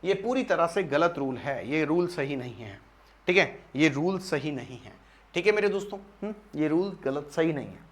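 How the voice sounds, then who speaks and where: Indian guy teaching english for exams, high voice, keeps repeating himself and asking the class questions. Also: expressive, normal speed. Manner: repeats points and asks the class rhetorical questions. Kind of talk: exam-prep English lesson.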